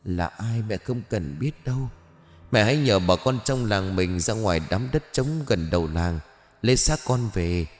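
A man voicing the ghost of a murdered young woman, speaking quietly and sadly to her mother in a horror story. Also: fairly low pitch, moderate pace, big-room sound, close to an everyday voice. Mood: sad, hushed. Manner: quiet, subdued pleading. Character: grieving young woman's ghost, soft and cold.

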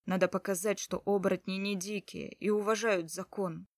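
A woman's voice: medium pitch, fairly even intonation, moderate pace, no room sound, clean studio sound, lightly acted. A woman reading the lines of a dying young male elf who speaks faintly and struggles for breath. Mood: weak, breathless.

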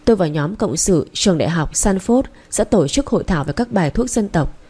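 A woman reading the lines of a calm, patient young man who tutors and explains things step by step, in an audiobook. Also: fairly low pitch, fairly quick, slightly rough. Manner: patient, instructive.

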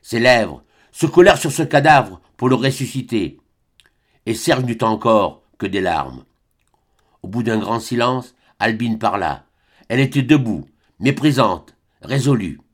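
Expressive male audiobook narrator. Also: medium pitch, a little slow. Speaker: audiobook reader. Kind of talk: classic novel read aloud.

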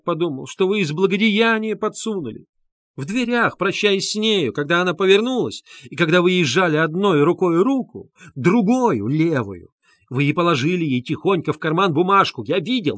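A man voicing an excitable, indignant young man who insists heatedly and keeps repeating himself, in a storybook reading. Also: fairly high pitch, slightly rough, dry recording, studio quality.

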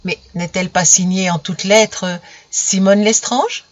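A man's voice: high-pitched, animated, moderate pace, fairly bright tone, highs cut off. A narrator voicing a young male politician who answers with glib, teasing composure in an audiobook. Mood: mocking. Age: young adult. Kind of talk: audiobook character voice.

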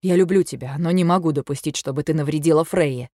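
A woman voicing a worried young husband who speaks softly, low and insistently. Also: quick pace, no room sound, studio quality. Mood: firm. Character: worried young husband, gentle but firm.

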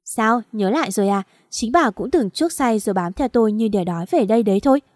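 A woman's voice: on the high side, animated, fast, a little mellow, no room sound, studio quality, natural voice. A woman reading an audiobook and voicing a harsh, scornful older husband. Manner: scolding, contemptuous.

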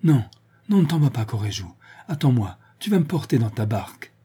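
Frightened superstitious Breton housekeeper woman played by a male reader, pleading, audiobook, husky and dark. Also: medium pitch, moderate pace, close to an everyday voice.

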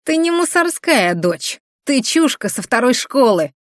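A woman's voice: high-pitched, big pitch swings, a little slow, no echo, clean studio sound, pitched above the performer's own voice. A woman voicing a spiteful teenage boy who taunts and sneers, in a storybook reading. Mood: sneering.

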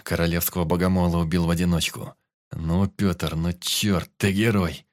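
A man voicing a brisk male squad leader who gives orders while tending a wounded comrade, in an audiobook. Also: low voice, little pitch movement, natural voice. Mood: commanding. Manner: commanding, fussy. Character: brisk male squad medic, takes charge.

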